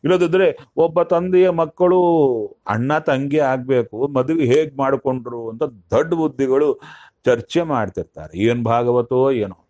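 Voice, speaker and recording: A man giving a spiritual discourse, chanting scripture verses slowly and then explaining them in everyday talk. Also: mid-range voice, a little mellow, dry recording, muffled recording. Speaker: religious discourse speaker.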